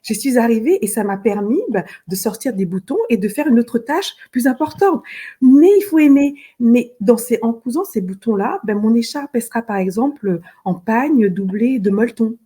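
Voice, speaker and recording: A woman's voice: fairly high pitch, expressive, normal speed, warm tone, slightly rough. A middle-aged woman from Benin, a fashion designer, talking earnestly in an interview and often repeating words as she searches for them. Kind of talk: interview conversation.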